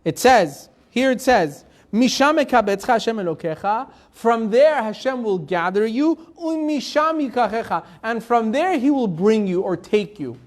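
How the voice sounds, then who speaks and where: His very high-pitched voice is animated and runs at a normal speed with few pauses as the rabbi conducts a live Torah class. He reads out Hebrew verses, renders them phrase by phrase, and throws rhetorical questions to the class, conversational with fillers and restarts.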